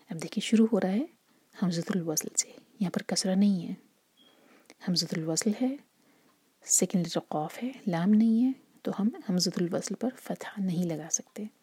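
Soft, husky-voiced woman teaching recitation. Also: mid-range voice, dry recording. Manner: soft-spoken, often half-whispered, careful and patient. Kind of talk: tajweed lesson with slow recitation examples.

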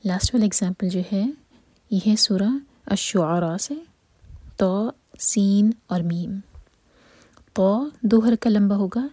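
A woman teaching Quran recitation in a steady whisper, explaining each step slowly and methodically and mixing English terms into her explanations. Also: medium pitch, dry recording. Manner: whispers throughout, slow and methodical. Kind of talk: whispered tutorial.

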